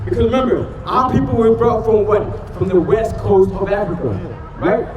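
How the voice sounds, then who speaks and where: A man preaching on a city street, loud and emphatic, quizzing passers-by with questions. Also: sits high, moderate pace, highs cut off, a crowd in the background. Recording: distant, echoey street recording with music.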